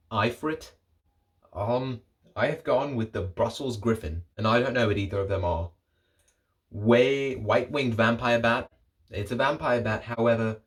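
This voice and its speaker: A young man with a lowish voice rambles through casual solo commentary for his video channel. He jokes as he goes and keeps breaking off his own sentences. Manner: rambling, jokey, self-interrupting. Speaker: vlogger.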